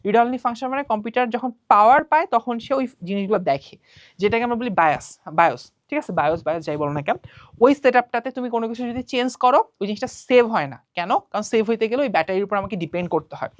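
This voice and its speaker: A woman's voice: on the high side, animated, very fast, dry recording, highs cut off. A young woman teaching an online class, talking casually and asking and answering her own questions as she works through quiz items.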